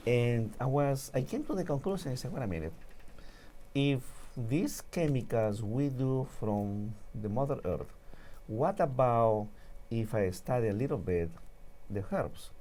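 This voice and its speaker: A man's voice: mid-range voice, lively intonation, measured pace, warm tone, slight background noise. A man from Peru with a Peruvian Spanish accent, telling a personal story earnestly as a talk show guest.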